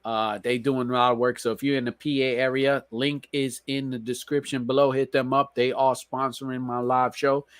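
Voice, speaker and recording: A tired man with a New York accent hosting a casual live stream, laid-back and slangy, reading chat and giving shout-outs. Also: medium pitch, little pitch movement, moderate pace, few pauses, smooth, no echo.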